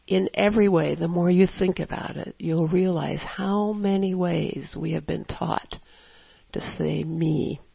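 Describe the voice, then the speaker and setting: A woman preaching a sermon in a conversational, storytelling way with animated asides. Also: lowish voice, measured pace, creaky, husky, no echo, highs cut off.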